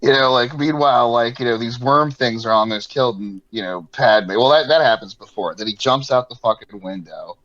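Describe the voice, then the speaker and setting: A man's voice: medium pitch, brisk, hardly any pauses, fairly bright tone, highs cut off. A man in casual podcast chat, rambling along, swearing freely and laughing often. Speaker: podcast co-host.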